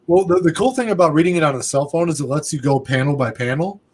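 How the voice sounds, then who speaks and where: A man chatting as a guest on a video call, eager and quick to jump in. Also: on the high side, breathy edge. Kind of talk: casual chat on a video call.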